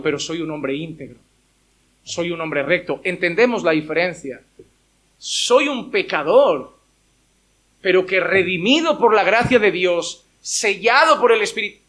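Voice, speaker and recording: A man preaching from the pulpit of a church, speaking. His voice sits high and rings bright and forceful as he drives each point home. He often plays out imagined speakers and asks the congregation direct questions. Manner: emphatic preaching with quoted voices and rhetorical questions. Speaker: pastor. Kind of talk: sermon.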